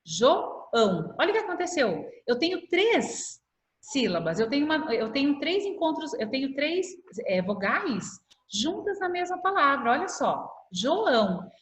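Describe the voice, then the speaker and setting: A middle-aged woman with a Brazilian accent, a primary school teacher giving a patient online class and slowly stretching out words to show how they split. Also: high voice, sing-song, a bit bright, slight background noise. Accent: Brazilian Portuguese. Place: home room on a video call. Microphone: laptop mic on video call. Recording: echoey video-call audio.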